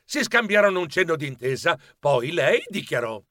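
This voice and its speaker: Animated male storyteller for kids' audiobook; raised, expressive voice, dry studio read. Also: a little high, moderate pace, no room sound. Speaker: audiobook narrator. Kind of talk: expressive children's audiobook narration.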